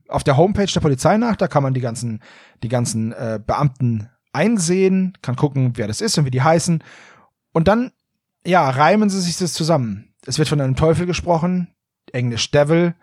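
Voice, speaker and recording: Ein Mann, der in einem lockeren Podcast-Gespräch lebhaft über ein Hörspiel plaudert und dabei oft lacht. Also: male voice, a little high, dry recording, studio quality. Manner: animated, laughs often, quick asides. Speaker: podcast co-host. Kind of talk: casual podcast chat reviewing an audio drama.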